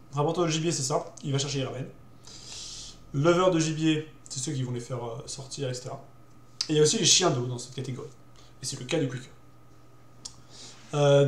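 Hesitant young man in a roomy space. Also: on the high side. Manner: hesitant, many fillers and repeated words; youthful slang. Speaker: host presenting dog breeds. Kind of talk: casual explanatory talk. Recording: roomy echo.

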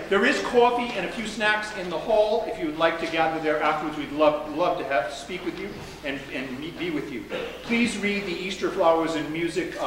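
Pastor in a very echoey church. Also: male voice, on the high side. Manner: chatty and joking between formal prayer. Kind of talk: church announcements and prayer. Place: large church sanctuary. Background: congregation murmuring.

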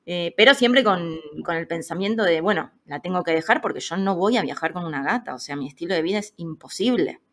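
A woman in her thirties with an Argentine Spanish accent and a slightly low voice. She tells a personal story in an easy, chatty podcast manner. She brings the people she quotes to life with little changes of voice. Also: brisk, hardly any pauses. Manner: lively, acts out quoted voices. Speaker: podcast guest. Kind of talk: casual storytelling chat.

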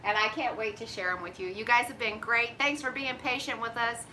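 A woman's voice: fairly high pitch, steady tone, brisk, very noisy. A middle-aged woman, chatting folksily on a live cooking stream from her home kitchen. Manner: chatty, folksy, drawls "y'all". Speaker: keto cooking host. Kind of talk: casual live-stream chat. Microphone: phone camera at arm's length.

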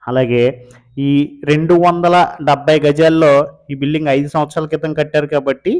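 A man's voice: a little high, steady tone, brisk, a little mellow. Guy with a coastal andhra telugu accent walking through a house for sale, chatty, keeps calling viewers friends. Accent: Telugu, Andhra Pradesh coastal. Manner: repetitive, addresses viewers as friends. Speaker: real estate video host. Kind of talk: casual property walkthrough narration.

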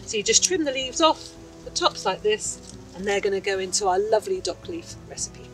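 A woman in her thirties, working as a foraging teacher, gives an outdoor lesson on wild plants along a hedgerow lane and in woodland. Her medium-pitched voice has lively intonation and a fairly quick pace, and her manner is bright, chatty and enthusiastic as she explains. The audio is poor, with a distant mic and faint music in the background.

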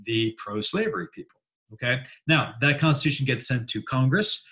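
A man's voice: mid-range voice, sing-song, normal speed, fairly bright tone, low-quality recording. A man teaching a history class in a casual, jokey way, acting out quotes in mock voices. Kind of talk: classroom lecture.

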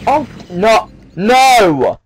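A man's voice: high-pitched, big pitch swings, very slow, husky. A man commentating live on a video game as a panicking, exasperated gamer who yelps and protests at the game. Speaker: gamer, let's play commentator. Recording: game music behind the voice.

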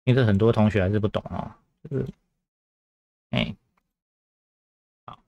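A man's voice: on the low side, normal speed, gravelly, darkish tone, muffled recording, slight background noise. A man teaching Japanese grammar in a chatty way, repeating phrases and tagging them with filler particles. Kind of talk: grammar lesson explanation.

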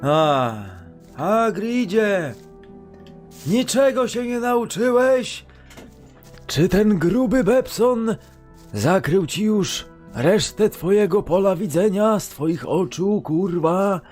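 A leering old wizard , as a man puts him on, talks in a slow, high, smug voice. He mocks and lectures with crude jokes, faint music behind him. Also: animated, a little mellow. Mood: lecturing. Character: sleazy smug male wizard Dumbledore parody. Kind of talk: parody voice dub.

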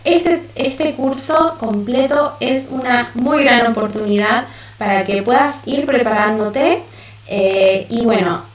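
Slow, patient woman teaching English. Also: on the high side. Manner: slow, repeats words for learners to echo. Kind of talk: bilingual online English workshop. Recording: roomy echo.

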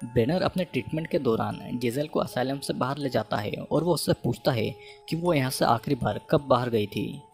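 A man with a Hindi accent narrating a scripted movie plot recap in a steady, even storytelling manner. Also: medium pitch, moderate pace. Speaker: movie explainer. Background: faint background music.

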